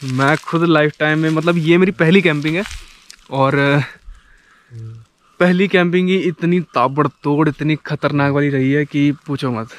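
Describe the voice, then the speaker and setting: A man's voice: on the high side, steady tone, a little slow. Chatty young man vlogging in a forest. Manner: chatty, filler-heavy, guiding viewers around. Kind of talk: casual travel vlog. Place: outdoors in a pine forest campsite. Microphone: action camera held at arm's length.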